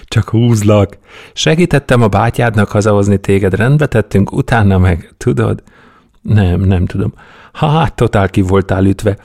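A man's voice: on the low side, creaky, a little mellow. Cheeky, bossy young woman, put on by a male storyteller, raised and playful. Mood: teasing.

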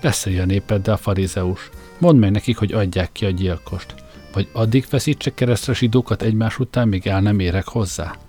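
A man's voice: fairly low pitch, warm tone, faint music behind, lightly acted. A man doing a cold, menacing Roman centurion. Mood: stern. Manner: cold and threatening. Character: stern, menacing male Roman centurion, middle-aged.

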